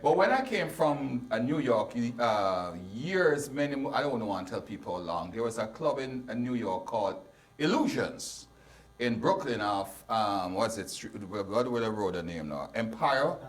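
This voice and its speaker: A man's voice: medium pitch, big pitch swings, normal speed, distant mic. A man hosting a casual panel, rambling with many restarts. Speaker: host.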